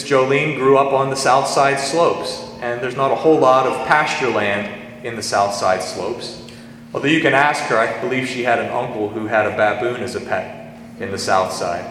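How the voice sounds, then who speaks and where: A man's voice: mid-range voice, fairly bright tone. Man preaching in an echoey church. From western Pennsylvania, US. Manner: folksy storytelling, slows down on scripture quotes. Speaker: pastor. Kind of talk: sermon. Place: large reverberant church. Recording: echoey church hall, faint hum.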